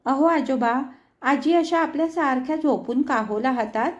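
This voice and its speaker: A bright, chatty little boy, as a woman storyteller puts him on, pitched up high and pressing question after question. His voice comes out light and quick, full of childish insistence. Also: muffled recording, natural voice. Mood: eager.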